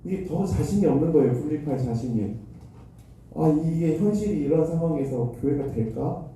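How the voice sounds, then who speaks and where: A man's voice: on the high side, expressive, moderate pace, warm tone, a little hiss or hum. A man who is a pastor, telling a self-deprecating story in his sermon. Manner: self-deprecating anecdotal storytelling with acted quotes. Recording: echoey hall, mic far off.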